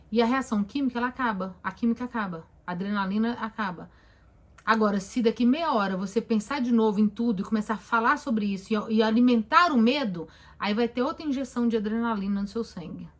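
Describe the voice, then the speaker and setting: A woman with a Brazilian Portuguese accent, a therapist giving casual advice on a live stream, talking emphatically and repeating points as she coaches listeners directly. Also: on the high side.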